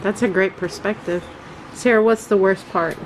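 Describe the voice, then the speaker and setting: Woman, mother hosting, brisk questions, quick encouraging replies, mid-pitched voice, faint noise behind. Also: steady tone, low-quality recording. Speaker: mother and channel host interviewing her children. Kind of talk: casual family question round.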